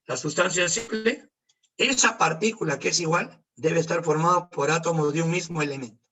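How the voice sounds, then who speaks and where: A man teaches an online chemistry lesson, firing questions at his students and answering them himself with joking asides. His voice sits a little high and sounds husky. The call audio is distant, as if he is set back from his computer mic. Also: moderate pace, pushed and bright, faint music behind. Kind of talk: online class lecture. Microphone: computer mic on a video call.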